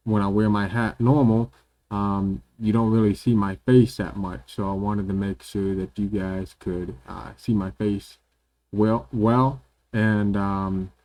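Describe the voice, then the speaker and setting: A man hosting a gaming video, giving relaxed, casual commentary while he plays at his computer at home, filling pauses with lots of ums and repeating words. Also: fairly low pitch. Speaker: gaming channel host.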